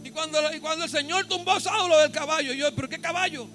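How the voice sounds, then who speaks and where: High-voiced Puerto Rican pastor preaching. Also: male voice, fast, pushed and bright, soft background music. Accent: Puerto Rican Spanish. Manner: emphatic preaching, repeats points, asks the congregation to respond. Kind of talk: sermon. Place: church.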